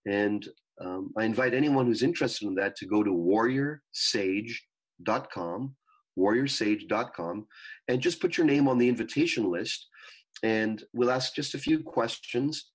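Husky-voiced man talking like a spiritual guru. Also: lowish voice, measured pace, poor audio. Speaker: spiritual coach and retreat leader, guest. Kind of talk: interview talk, explaining teachings.

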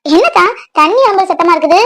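A woman voicing a tender, orphaned young village woman in a cartoon, speaking softly and shyly on the phone. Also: very high-pitched, expressive, fast talker. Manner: soft, shy, emotional. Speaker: bride-to-be on the phone.

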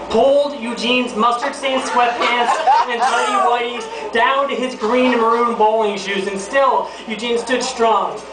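A man's voice: high voice, noisy background. A man performing comic slam poetry on a lounge stage, telling a rhythmic story in lists. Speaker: slam poet. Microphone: far camera. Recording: roomy lounge, far mic, crowd.

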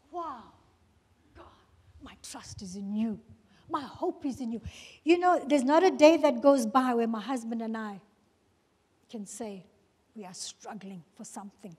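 A woman in her sixties giving an emotional testimony at a women's church session, telling her story with lively feeling and laughing easily. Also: fairly high pitch, slightly rough, big-room sound. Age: 60s. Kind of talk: testimony talk. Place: church hall.

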